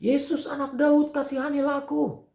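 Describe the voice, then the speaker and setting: A man voicing a blind adult male beggar who cries out loudly and begs for mercy in a high, strained voice. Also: level tone, moderate pace, creaky. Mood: pleading cry. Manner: loud pleading high cry. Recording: echoey room.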